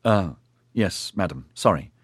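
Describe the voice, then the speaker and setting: A man's voice: low voice, animated, a little slow, breathy edge, no room sound, studio quality, heavily acted. A man voicing a sheepish young man who answers in a subdued, muttered way.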